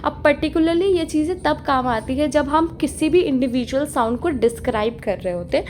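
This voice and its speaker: A young woman tutor explaining a lesson in Hindi, mixing in English terms and often checking in with a quick "okay". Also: high-pitched, a little mellow, a little hiss or hum. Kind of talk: explanatory exam-prep lesson.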